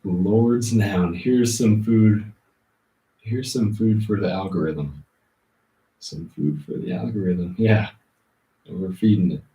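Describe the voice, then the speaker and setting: A man hosting a casual livestream, answering chat comments informally and thinking aloud in a halting way. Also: on the low side, warm tone. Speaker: livestream host. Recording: roomy, muffled, distant laptop-like mic.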